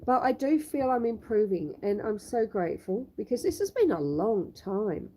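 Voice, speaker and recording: A medium-pitched, sing-song woman's voice with a dark, breathy quality, at normal speed on a low-quality recording. She chats casually with viewers by name during an outdoor homestead live stream filmed on a phone on a tripod. She's still a bit snuffly and coughing after a long illness.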